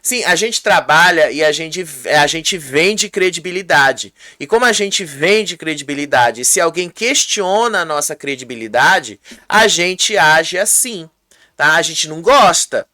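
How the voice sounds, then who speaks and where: An entertainment journalist from Brazil recapping reality show drama in a chatty way, acting out the quotes and tagging lines with quick asides. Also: medium pitch, lively intonation, pushed and bright, dry recording, clean studio sound. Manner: retells dialogue, acting out the quotes; conversational, tags lines with "tá?".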